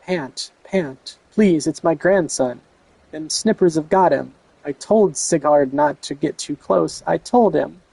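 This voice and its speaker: Guy putting on a scared old grandpa, puffing and begging, gravelly edge. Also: on the high side, measured pace, dark tone, no room sound, full character voice, low-quality recording. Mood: pleading. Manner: breathless, pleading.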